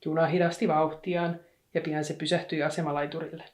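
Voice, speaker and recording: A woman reading a children's story aloud in a calm, unhurried way. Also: sits low. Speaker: audiobook reader.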